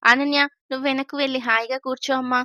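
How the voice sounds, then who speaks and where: A woman's voice: high-pitched, flat delivery, fast, pushed and bright, no echo, studio quality. A woman voicing a cheerful old grandfather who laughs and jokes with his grandchildren. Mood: jovial. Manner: jovial, laughing.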